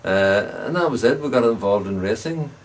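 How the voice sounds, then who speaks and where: Older man, Northern Irish Ulster accent, deep pitch, casual reminiscing, faint background noise. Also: lively intonation, normal speed. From Northern Ireland. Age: older, around 70 or above. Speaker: bicycle frame builder and veteran club racing cyclist being interviewed. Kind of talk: casual reminiscing interview answers. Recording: distant mic, clear background noise.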